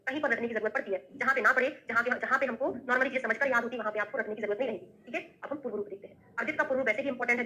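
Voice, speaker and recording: A woman's voice: a little high, pushed and bright, poor audio. A woman teaching a classroom lecture on Ayurveda, reciting Sanskrit verses and quizzing students with frequent tag questions.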